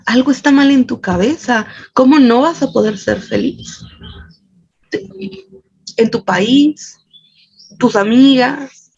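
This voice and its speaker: A controlling, patronizing husband who talks down to his wife, as a Mexican woman with a Mexican accent quotes him. The voice stays fairly high and gravelly, and it is heard on a dull lo-fi recording. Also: darkish tone, full character voice. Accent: Mexican Spanish. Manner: coaxing then condescending. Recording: dull lo-fi audio.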